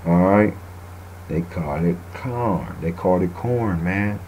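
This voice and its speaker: A man with a very low voice hosts a laid-back radio talk show. He reads a passage aloud, then riffs on it casually in his own words, often tagging his lines with "man." A faint hiss sits under his voice. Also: a little slow, darkish tone, low-quality recording.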